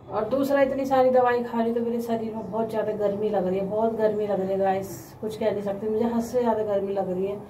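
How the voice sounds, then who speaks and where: A woman's voice: medium pitch, warm tone, far from the mic, slight background noise. Chatty woman vlogging at home, echoey. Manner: chatty, often addresses viewers as guys. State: mouth ulcers, speaking slowly. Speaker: family vlogger. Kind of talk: casual home vlog chat.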